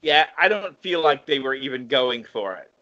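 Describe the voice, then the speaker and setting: A man's voice: mid-range voice, animated, normal speed, bright, forceful tone, muffled recording. A man co-hosting a podcast, chatting casually in an analytical way and correcting himself as he goes. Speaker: podcast co-host. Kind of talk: casual chat.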